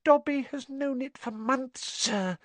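A man voicing a small, anxious, servile male house-elf in a squeaky, strained voice, speaking of himself in the third person. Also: slow pace, a bit bright, no room sound, exaggerated voice. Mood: urgent. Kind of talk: audiobook character voice.

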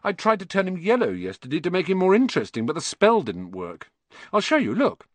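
A man's voice: high-pitched, huge pitch swings, fairly quick, no room sound, voice pushed up, heavily acted. A man voicing a cheeky, blunt young schoolboy in a children's audiobook, with an offhand, emphatic way of talking. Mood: grumbling, offhand.

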